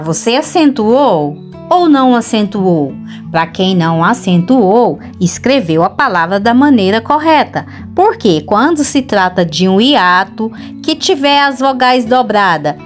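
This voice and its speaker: A Brazilian woman teacher with a fairly high voice and a Brazilian Portuguese accent gives a dictation and grammar lesson, dictating slowly and clearly with drawn-out words. She is chatty and asks the viewer questions.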